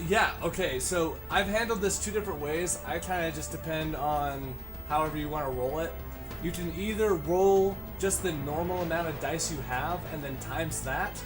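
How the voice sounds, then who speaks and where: A man running a tabletop game as game master, talking in a relaxed, casual way and swearing freely. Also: fairly high pitch, normal speed. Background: background music.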